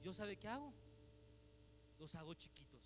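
Male pastor preaching, high pitched, bursts from quiet asides into shouting, guitar playing behind. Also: sing-song, normal speed. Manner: swings from hushed asides to shouted exhortation. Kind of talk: sermon.

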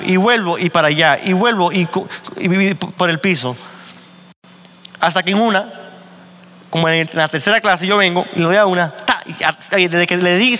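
A man's voice: high voice, bright, forceful tone. A man giving a motivational talk at a business meeting, telling stories and often checking in with his listeners. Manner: storytelling, often asks "¿verdad?". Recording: long hall reverb.

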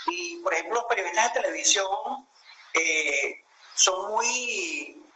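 Venezuelan man, bright echoey video call. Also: high voice, slow pace, a little hiss or hum. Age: 30s. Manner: reflective storytelling, many hesitations and restarts. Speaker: interview guest. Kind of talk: conversational interview over a video call.

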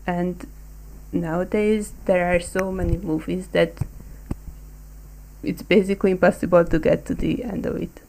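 A woman's voice: fairly low pitch, little pitch movement, normal speed, creaky, darkish tone, slight background noise, rough recording. A young woman from Hungary co-hosting a casual discussion podcast, talking hesitantly with many ums. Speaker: podcast co-host.

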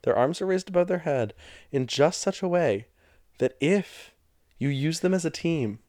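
A young man co-hosting a podcast, joking playfully in casual chat with a deadpan touch. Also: fairly high pitch, normal speed, dry recording, clean studio sound. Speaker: podcast co-host.

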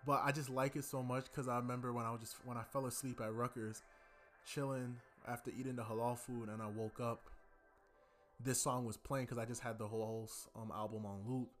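Young man, podcast host, casual music chat, rambling, mid pitch, music playing behind. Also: little pitch movement, brisk, fairly bright tone. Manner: loose and rambling, lots of fillers.

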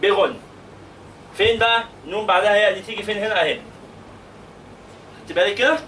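A man's voice: high voice, quick pace, sharp tone, far from the mic, slight background noise. A man with an Egyptian accent teaching a tajweed lesson, questioning his students patiently and stretching out recited words to show the rules. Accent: Egyptian Arabic.

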